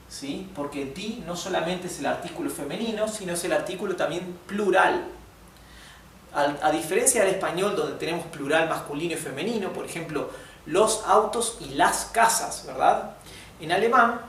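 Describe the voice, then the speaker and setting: Slow-speaking man teaching in an echoey room. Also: high-pitched. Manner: checks in often with "¿sí?" and "¿bien?"; slow, careful demonstrations of German words. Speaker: German teacher. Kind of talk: classroom lesson explaining grammar. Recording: echoey room, mic some distance off, faint noise.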